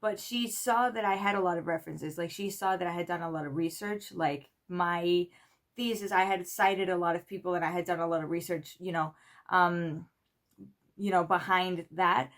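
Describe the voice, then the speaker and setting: With a lowish voice and moderate pace, this PhD student vlogger from Spain, a woman in her twenties, rambles through a story to camera in English. Her chatty delivery is packed with "like" and "you know," and she animates the quotes with lively voices.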